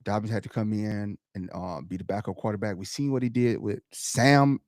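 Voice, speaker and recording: A man co-hosting a podcast, talking sports in a casual, animated way, laughing and mimicking the crowd. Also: lowish voice, normal speed, no room sound, clean studio sound. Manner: animated, laughs often, loud shouted impressions of the crowd. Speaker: podcast co-host.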